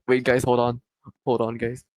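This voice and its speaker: A young man from Malaysia, answering interview questions casually with many pauses and restarts. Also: mid-range voice, monotone, a little mellow, no room sound, poor audio.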